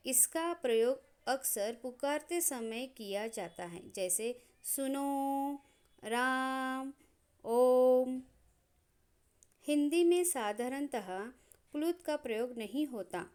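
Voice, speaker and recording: Here a woman teaches grammar at an unhurried, deliberate pace, sounding out every sound in turn and pausing evenly between them. Her voice is fairly high and animated, its tone on the dark side, in the manner of a slow explanatory lesson.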